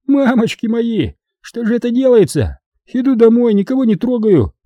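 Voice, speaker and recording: A man voicing a sly male street robber who whines and protests his innocence in a high voice. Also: very animated, moderate pace, no room sound, highs cut off, exaggerated voice. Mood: whining.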